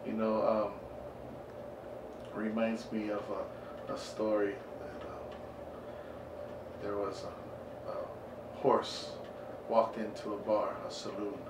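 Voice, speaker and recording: A pastor from Maui, Hawaii, who talks softly and hesitantly as he tells rambling stories in an interview. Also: fairly low pitch. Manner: soft-spoken, hesitant, rambling. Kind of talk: casual interview storytelling. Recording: roomy, distant, noisy recording.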